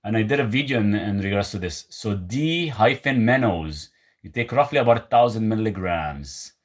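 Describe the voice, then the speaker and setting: A Lebanese man livestreams from his country home on a rural property, reading viewers' questions aloud and then answering them in a relaxed, rambling way. His voice sits fairly low and his pace is moderate.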